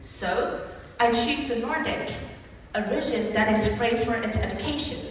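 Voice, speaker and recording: A woman's voice: a little high, unhurried, slight background noise. Young Taiwanese woman orating in an echoey hall. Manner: animated, rhetorical, emphatic rises on key phrases. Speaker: speech contestant. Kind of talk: competition public speech. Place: large conference hall. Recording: echoey hall from far off, faint ambience.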